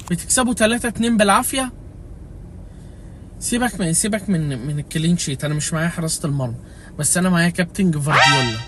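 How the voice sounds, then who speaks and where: A man's voice: sits high, fairly bright tone, slight background noise. A young Egyptian man with an Egyptian accent, ranting comically about his fantasy football team in an exasperated, mock-pleading way. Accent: Egyptian Arabic. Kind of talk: comedic fantasy football rant.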